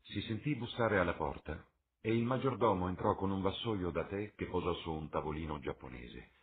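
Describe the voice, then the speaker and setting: A man reading a classic novel aloud as an audiobook, measured and expressive. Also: very deep voice. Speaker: audiobook reader. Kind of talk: literary audiobook narration. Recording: tinny lo-fi with faint hiss.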